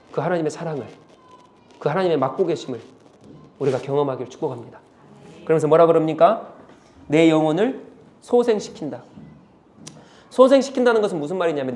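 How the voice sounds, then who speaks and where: A male pastor preaching a sermon, moving between quiet, earnest stretches and loud, impassioned climaxes. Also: fairly high pitch.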